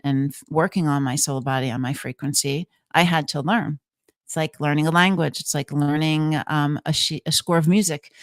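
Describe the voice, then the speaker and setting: A woman's voice: low voice, no echo, clean studio sound. A woman speaking as an interview guest, explaining things conversationally in earnest, emphatic short phrases. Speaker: guest, trance channeler.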